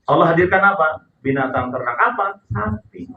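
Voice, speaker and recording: A man preaching a sermon, chanting verses slowly and pleading with his listeners. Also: a little high, animated, a little hiss or hum. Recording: echoey hall heard from far off over a tinny line.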